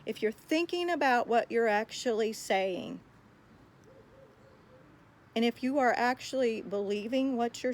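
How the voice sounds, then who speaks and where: A woman's voice: fairly high pitch, darkish tone, slight background noise. A woman giving earnest, exhorting advice on how to pray, often repeating words as she gathers her thoughts. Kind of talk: earnest spoken encouragement on prayer.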